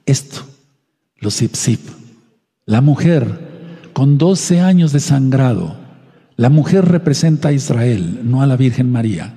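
A zealous preacher man delivers his sermon with passion, now and then mimicking the people he argues against. His voice is very dark and somewhat husky. It rings out with a long reverb, as if spoken in a large hall. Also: mid-range voice, animated, slow, pauses often. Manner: impassioned preaching, quoting others in mocking voices. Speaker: Messianic pastor.

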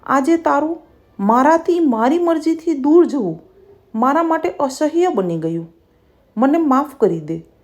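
A woman's voice: sits high, expressive, measured pace, darkish tone, pitched above the performer's own voice. A woman voicing a remorseful husband who apologizes through tears in a read-aloud story. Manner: tearful, apologetic.

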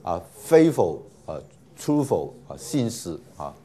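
A man's voice: deep voice, sing-song, takes it slowly, dark tone. Male teacher, patient classroom lecture, lots of fillers and repetition, with mixed in. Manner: patient, many filler 'ah' sounds, repeats words for students.

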